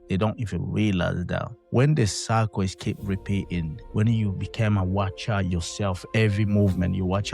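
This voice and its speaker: A man's voice: mid-range voice, creaky. A man giving impassioned commentary, emphatic and repetitive, with non-native phrasing. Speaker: commentator reacting to a clip.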